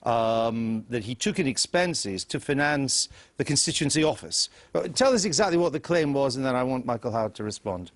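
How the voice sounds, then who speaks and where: A man's voice: medium pitch, lively intonation, normal speed, no room sound. A man presenting a political discussion show, probing his guests and steering the debate.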